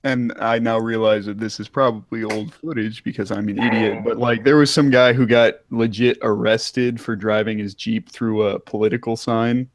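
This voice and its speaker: A man's voice: fairly low pitch, fairly even intonation, normal speed, hardly any pauses, no room sound. A young man chats in a casual voice call. He jokes at his own expense. His voice sits close and dry on the mic. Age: young adult. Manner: joking, self-mocking. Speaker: college student. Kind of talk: casual group voice chat.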